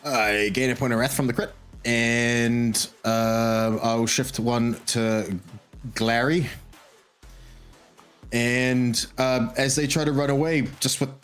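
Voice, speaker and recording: Slow-talking guy in a tabletop game, hesitant, searching for words, light music under. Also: mid-range voice, little pitch movement, a bit bright, clear, resonant tone. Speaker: player. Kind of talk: describing his character's actions in a tabletop game.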